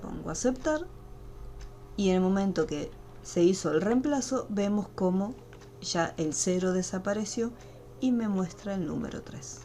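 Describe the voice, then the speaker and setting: A woman leads an online class, walking through each step in a patient, methodical way. Her voice is mellow and soft-edged. Faint background noise and keyboard typing come through her computer mic. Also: medium pitch, expressive, unhurried. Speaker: teacher. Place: home room, online video call. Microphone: computer mic on a video call.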